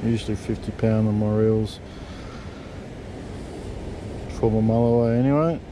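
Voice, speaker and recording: Fairly quick and fairly low, with fairly even intonation, this man's voice sits over background noise. A middle-aged Australian fishing vlogger, he gives an easygoing how-to chat, swearing casually while rigging gear at the back of a parked vehicle, all captured on a point-of-view body camera.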